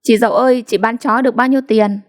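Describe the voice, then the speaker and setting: Storybook teasing schoolkids, mocking sing-song chants, voice jumped way up high a woman reader doing them. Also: fairly quick, close to an everyday voice. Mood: jeering. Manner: jeering, sing-song taunts.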